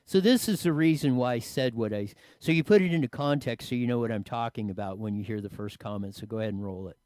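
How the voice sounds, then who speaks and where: Guy w/ hillbilly appalachian-ish twang, rambly n wry, just talking local politics, normal pitch. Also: fast talker, a little mellow, no echo. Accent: Appalachian-style hillbilly twang. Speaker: local commentator and public speaker. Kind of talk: unscripted talk on local government.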